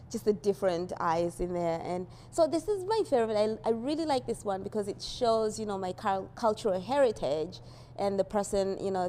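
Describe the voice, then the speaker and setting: A woman originally from Uganda talks about her artwork in a mid-range, somewhat mellow voice, with a bit of hiss or hum in the audio. She's casual and meandering, says "you know" a lot, and laughs easily.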